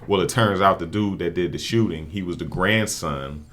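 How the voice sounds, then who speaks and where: A man's voice: sits low, moderate pace, a bit bright, slight background noise. A man, a prosecutor telling stories in a laid-back way with street slang on a casual podcast. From New Orleans. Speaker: prosecutor and judge candidate.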